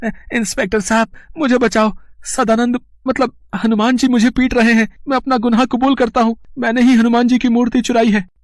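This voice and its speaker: A man voicing a greedy, cowardly male villager who steals and then pleads in a frantic, shrill voice. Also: huge pitch swings, moderate pace, few pauses, a little mellow, husky, no echo, clean studio sound, full character voice. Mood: terrified pleading. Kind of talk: animated story voice acting.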